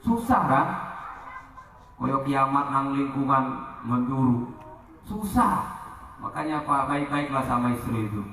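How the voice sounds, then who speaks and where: A man preaching a humorous Islamic sermon, switching between loud exhortation and soft joking asides, sometimes chanting verses. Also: medium pitch, a little hiss or hum. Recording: echoey hall, voice from far off the mic.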